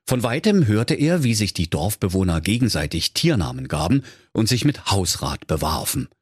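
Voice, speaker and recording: A man's voice: lowish voice, normal speed, breathy edge, no room sound. A man narrates a comic fairy tale with playful energy. His voice rises and falls a great deal. The recording is dry, with no room sound. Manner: playful, lively. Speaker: storyteller.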